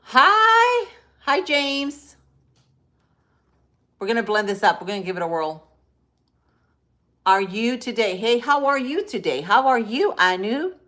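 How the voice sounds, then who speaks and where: A woman's voice: on the high side, sing-song, measured pace, pauses often, bright, forceful tone. Chatty woman with a Spanish accent. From Central Florida, United States. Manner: chatty and upbeat, greets viewers by name, talks through each step. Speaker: host of a live cooking stream. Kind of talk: casual live cooking demo, chatting with viewers. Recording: echoey room with faint background noise.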